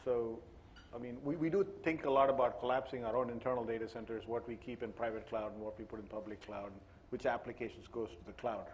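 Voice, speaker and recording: A man's voice: mid-range voice, fairly even intonation, fast, darkish tone, a little hiss or hum. A man on a conference panel, talking in a loose, conversational way with frequent restarts. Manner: conversational, many restarts and "you know". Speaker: panelist CIO. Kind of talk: panel discussion.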